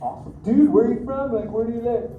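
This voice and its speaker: Talking fast in a mellow, medium-pitched voice that stays close to normal speech, the performer plays a relaxed sea turtle with a surfer-dude drawl, goofy and full of "dude." Playful audience chatter and lots of laughter fill the live indoor theater show. The sound is muffled, echoey, noisy and recorded from far away.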